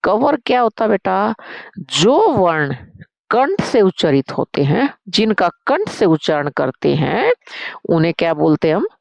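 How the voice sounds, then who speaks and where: A woman's voice: fairly low pitch, sing-song, a little slow, vocal fry, darkish tone, no echo, lo-fi sound. A woman Sanskrit teacher, teaching a grammar lesson, calling her students "beta" and answering her own questions.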